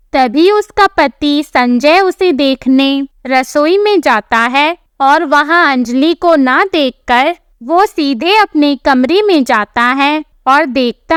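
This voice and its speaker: High-voiced woman narrating a family story. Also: fairly bright tone, no room sound, studio quality. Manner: measured, plain storytelling.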